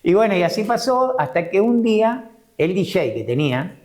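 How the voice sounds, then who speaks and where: A man's voice: sits high, moderate pace. A man, a former dance-hall presenter, telling anecdotes as a guest and acting out what others said, often laughing. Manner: animated, laughs often, acts out other people's lines. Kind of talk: anecdotal storytelling.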